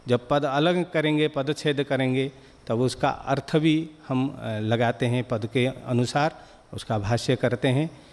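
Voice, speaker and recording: A man giving a spiritual discourse to a gathering, explaining patiently in short, measured phrases. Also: medium pitch, steady tone, a little mellow, long reverb tail. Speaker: spiritual teacher.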